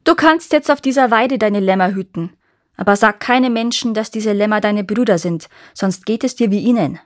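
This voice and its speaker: A woman's voice: mid-range voice, moderate pace, no room sound, studio quality, lightly acted. A woman voicing a hideous, scheming old witch who wheedles and threatens. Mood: threatening.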